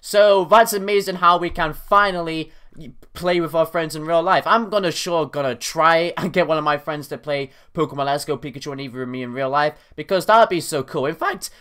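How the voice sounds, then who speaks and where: A young man giving casual, excited reaction commentary on game news, his voice cracking now and then. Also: a little high, a little fast, smooth. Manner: excitable, animated, frequent self-corrections. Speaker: gaming YouTuber.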